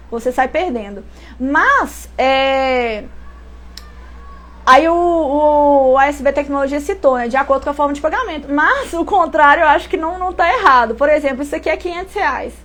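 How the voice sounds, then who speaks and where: A high-voiced Brazilian woman teaching pricing in a relaxed, live-stream manner. She talks in a chatty way, stops to correct herself and throws rhetorical questions at her viewers. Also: moderate pace. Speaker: online sales and pricing instructor. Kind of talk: casual live-stream tips.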